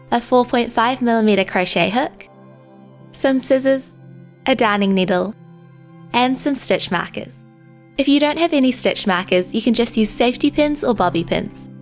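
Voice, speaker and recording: A woman host narrating a crochet tutorial in a calm, step-by-step instructional manner. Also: fairly high pitch, unhurried, long pauses, soft background music. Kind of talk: scripted tutorial voice-over.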